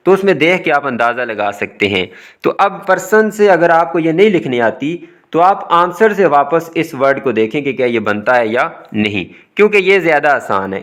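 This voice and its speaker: A man's voice: medium pitch, a bit bright. Patient Pakistani male English tutor. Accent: Pakistani Urdu. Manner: patient, explains step by step, walks through word lists. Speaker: English teacher. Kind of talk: recorded exam-prep lesson.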